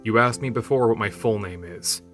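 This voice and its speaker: A man voicing a serious young male drake hunter in an audiobook, terse, low and guarded. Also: moderate pace, a bit bright, faint music behind, close to an everyday voice. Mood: grim. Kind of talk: audiobook character voice.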